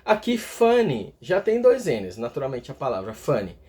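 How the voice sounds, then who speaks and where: A man's voice: medium pitch, huge pitch swings, moderate pace, warm tone. A man teaching English grammar step by step, often stopping to check in with his viewers. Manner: explains step by step, ends phrases with a checking "tá?". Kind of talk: explaining grammar in a video lesson.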